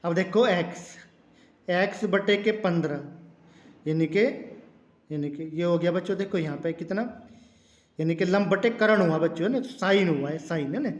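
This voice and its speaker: A man's voice: high-pitched, moderate pace, long pauses, reverberant. A man teaching a math lesson step by step, calling his students "children" and repeating key words. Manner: repeats key words, clears throat now and then.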